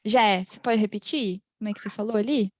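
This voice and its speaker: A woman with a Brazilian Portuguese accent teaching English pronunciation in an online class. She laughs often and slowly draws out the model phrases. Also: mid-range voice, no room sound, studio quality. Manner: lively, drawn-out model phrases, frequent laughs.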